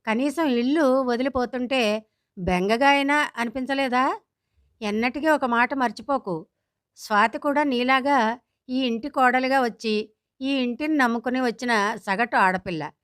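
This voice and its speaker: A woman's voice: on the high side, measured pace, a bit bright, no echo, clean studio sound. A woman reading the lines of a retired elderly father-in-law who lectures his family firmly. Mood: stern. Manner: firm, lecturing.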